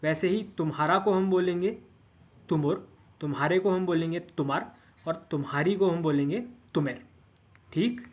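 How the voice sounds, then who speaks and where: A man's voice: on the high side, moderate pace, muffled recording. A man giving a patient grammar lesson, repeating each word form and checking in with listeners often. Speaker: language teacher.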